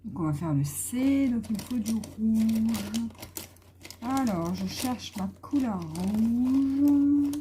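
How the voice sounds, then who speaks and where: A woman's voice: fairly high pitch, lively intonation, extremely slow, warm tone, slight background noise. A woman vlogger chatting casually and hesitantly while she colors, with many fillers. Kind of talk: casual coloring vlog chat.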